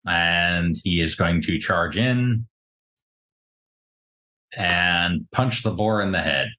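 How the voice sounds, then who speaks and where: A man running a tabletop game as game master, narrating in a lively, animated way. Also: deep voice, slow pace. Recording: roomy echo.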